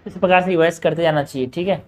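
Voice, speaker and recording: A man working through exam quiz questions. He reads each question slowly, then explains it quickly in a casual tone, often saying "bhai" and "yaar". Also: a little high, steady tone. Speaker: exam prep teacher. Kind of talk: solving quiz questions aloud.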